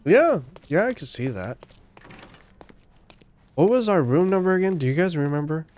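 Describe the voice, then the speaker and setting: A man's voice: a little high, big pitch swings, normal speed, darkish tone. A man playing a video game and chatting casually as he goes. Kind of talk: casual gameplay chat. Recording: faint game music behind.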